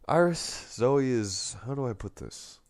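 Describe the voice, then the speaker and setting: A man voicing a middle-aged father on the phone, halting and hesitant. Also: mid-range voice, lively intonation, a little mellow, voice pushed up. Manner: hesitant, trailing off.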